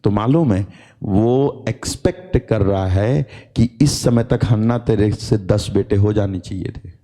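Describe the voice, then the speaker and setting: A male pastor delivers a sermon at an unhurried pace, stacking phrase on phrase for emphasis. His voice is warm and dark, never sharp. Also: lowish voice, long reverb tail. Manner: emphatic, repetitive preaching.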